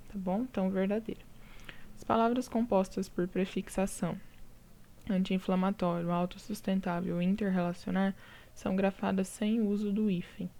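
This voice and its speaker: In a mellow, mid-range voice with vocal fry, a woman with a Brazilian Portuguese accent patiently works through exercises in a recorded lesson. She explains step by step, checking in with her students often with "tá?"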